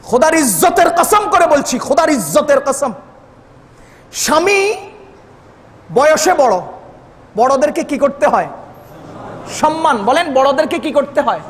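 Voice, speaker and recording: A male preacher with a very high, strained voice delivers a sermon. He keeps asking the crowd questions and acts out everyday exchanges. His voice rings with long reverb. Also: lively intonation, a little slow, pauses often. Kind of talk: Bengali waz sermon.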